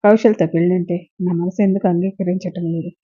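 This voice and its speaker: A woman voicing a hurt, withdrawn young wife who answers quietly and tiredly, in a dull lo-fi recording. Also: on the low side, steady tone, brisk, no echo, lightly acted. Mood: weary.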